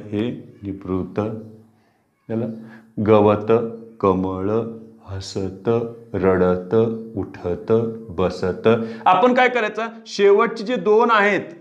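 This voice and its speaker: A man teaching a pronunciation lesson, repeating words aloud slowly, stretching out sounds and answering his own questions. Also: fairly high pitch. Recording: slightly dull lo-fi sound.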